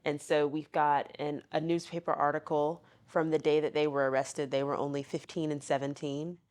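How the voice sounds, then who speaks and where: Low-voiced Southern woman telling family stories. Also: flat delivery, moderate pace, a little mellow. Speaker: bed and breakfast owner. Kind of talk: casual guided tour interview.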